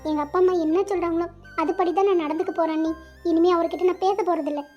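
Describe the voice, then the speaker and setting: Stubborn young woman figure, very high voice, fast talk, reproachful, played by a woman. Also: fairly even intonation, dull audio, soft background music. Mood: firm. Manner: firm, indignant, reproachful.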